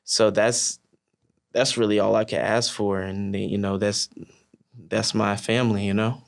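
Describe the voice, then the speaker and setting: A young man, a college wrestler and team captain, chatting casually in an interview with many "you know" fillers and lively storytelling. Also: lowish voice, unhurried, creaky. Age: young adult. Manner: relaxed, many fillers like "you know", animated when telling stories.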